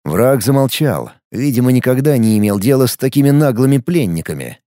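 A man narrating a fantasy novel as an audiobook, reading in a lively way with acted dialogue. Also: medium pitch, fairly quick, dry recording, studio quality.

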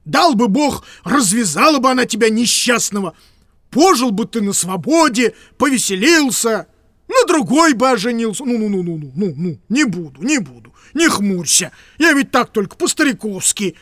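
A woman's voice: a little high, big pitch swings, normal speed, dry recording, clean studio sound. A woman voicing a fussy, grumbling old male clerk who rambles and stammers in an audiobook reading.

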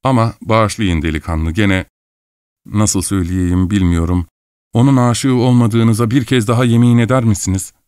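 Guy reading jealous husband in a fur coat, low flustered voice, pleading and apologizing, dry close sound. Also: moderate pace, darkish tone, clear, resonant tone, no echo, lightly acted.

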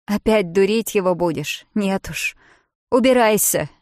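A woman voicing an elderly grandmother who shrieks accusations in shrill, loud outbursts. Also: measured pace, dry recording, studio quality, close to an everyday voice. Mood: shrieking furious.

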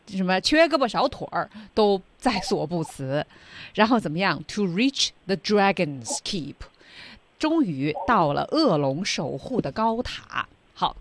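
A woman hosting an English-learning radio show, talking in a conversational way and checking with the listeners through tag questions. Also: mid-range voice. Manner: conversational, retells the lesson points with tag questions. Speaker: radio host.

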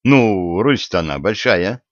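A man's voice: medium pitch, expressive, unhurried, no echo, natural voice. A man voicing a weary, exasperated modern journalist with a sarcastic manner, on a dull lo-fi recording. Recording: dull, lo-fi dry audiobook.

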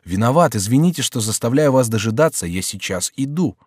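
A man's voice: mid-range voice, expressive, a little mellow, slightly rough, no room sound, studio quality. A man playing a polite, fussy gate officer. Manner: courteous, apologetic, hurried.

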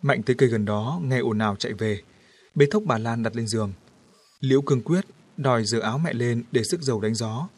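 A man narrating a horror story with a husky voice in a steady, measured way. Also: mid-range voice, no echo.

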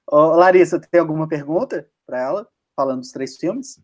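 A Brazilian man hosting a live roundtable, brisk and calling on each panelist. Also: a little high. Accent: Brazilian Portuguese. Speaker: host.

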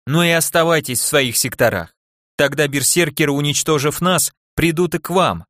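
A man voicing an indignant, quick-tempered young woman officer in an audiobook, speaking in a raised voice and exclaiming often. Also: medium pitch, animated, fairly bright tone, no echo, studio quality, close to an everyday voice.

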